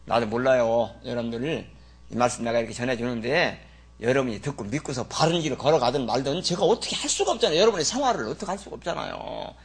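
Man, pastor, sermon, folksy and teasing, gravelly husky voice, lively swooping pitch. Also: quick pace.

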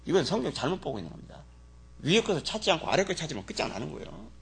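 Animated husky-voiced male preacher. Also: very fast. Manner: colloquial, asks the congregation rhetorical questions; swings between loud exclamations and low asides. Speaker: pastor. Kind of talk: sermon.

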